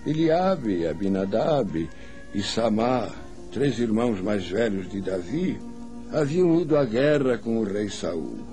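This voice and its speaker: An older man narrating a Bible story for children as a grandfather, solemn and deliberate, in a dramatic storyteller's way. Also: lowish voice, big pitch swings, warm tone. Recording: music under the voice.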